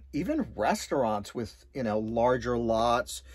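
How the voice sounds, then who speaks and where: A middle-aged man talks through a list of tips at an even, middling pitch, pausing often on "um" and "uh". His voice is close and dry, with no room sound. He sits beside his co-host, filmed by a webcam in a small room. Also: dry recording. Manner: steady, explains in lists with many ums and uhs. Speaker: co-host of an RV travel channel. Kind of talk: casual explanatory chat. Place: small indoor room in front of a green screen.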